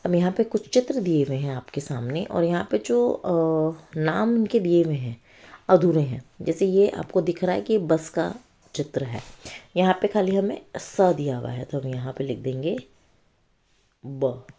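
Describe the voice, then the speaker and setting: Low mellow woman teaching little kids to read, slow and patient, keeps checking in. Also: lively intonation, gravelly. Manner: slow, patient explaining with frequent check-ins. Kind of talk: children's reading lesson.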